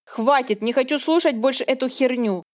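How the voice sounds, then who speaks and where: A woman's voice: high-pitched, normal speed, natural voice. A woman reading the lines of a cold, contemptuous man in an audiobook, in her own voice. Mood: cold scorn. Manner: scornful, dismissive.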